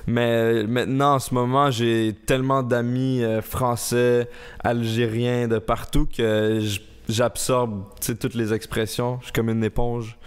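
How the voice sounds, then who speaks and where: Young quebec guy, smooth clear voice, laid back, lots of euh. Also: mid-range voice, little pitch movement, unhurried. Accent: Quebec French, slightly shifted. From Laurentides, Quebec. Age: 20s. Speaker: guest. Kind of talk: casual chat.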